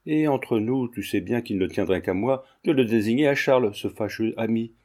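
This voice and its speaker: A man's voice: medium pitch, moderate pace, a little mellow, close to an everyday voice. A man voicing a shrewd, forthright elderly lawyer who speaks bluntly, in a storybook reading. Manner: blunt, exclaiming.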